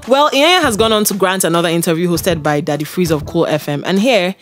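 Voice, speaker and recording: A woman reads a scripted entertainment gossip segment in a slightly low voice. She weighs in with opinionated, conversational asides, with a soft music bed running underneath. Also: fast talker. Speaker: entertainment news presenter. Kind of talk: scripted celebrity gossip commentary.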